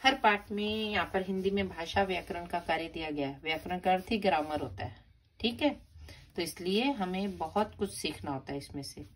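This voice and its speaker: At a moderate pace, a woman with a lowish voice gives a grammar lesson to young children, with a little hiss or hum in the background. The primary school teacher sounds out words syllable by syllable, repeating and stressing each one.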